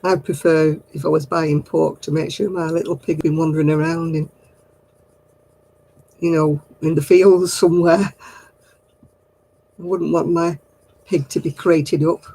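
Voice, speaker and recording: Hosting a livestream, an older woman from Royton, Oldham, England, responds to live comments in a homely, rambling way and chuckles often; her accent combines Oldham and Manchester. Her deep, dark voice has a breathy edge, little pitch movement, a measured pace, and long pauses. The audio quality is poor.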